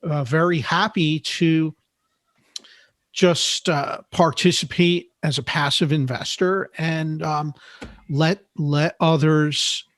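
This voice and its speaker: A man, a podcast guest, explaining investing in a measured interview conversation, often repeating words as he thinks. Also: a little high, fairly even intonation, fairly bright tone, dry recording, studio quality.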